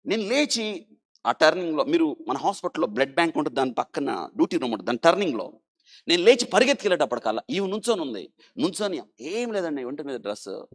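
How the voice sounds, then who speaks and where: During an interview, a doctor with a voice on the high side relates a dramatic tale. He moves between forceful, loud emphasis and hushed asides while urging his audience to listen and think.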